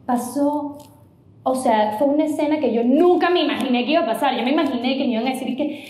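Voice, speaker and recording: Animated woman telling a story. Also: high voice, fast. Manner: animated, acts out quoted voices, laughs often. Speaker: interview guest. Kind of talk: casual storytelling interview. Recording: echoey room.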